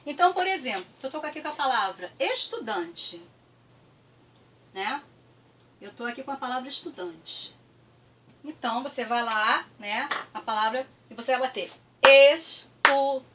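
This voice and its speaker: Brazilian lady teacher going over a lesson, high-pitched, keeps asking "tá?", sounds a bit off-mic. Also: lively intonation, pushed and bright, far from the mic, slight background noise. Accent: Brazilian Portuguese. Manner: patient, repeats words slowly with clapping, frequent "tá?" checks. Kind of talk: classroom review lesson.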